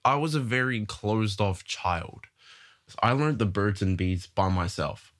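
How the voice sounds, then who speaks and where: A man's voice: fairly low pitch, expressive, unhurried, fairly bright tone. A young man chatting casually with his family, talking loosely with lots of fillers. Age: young adult. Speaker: adult son.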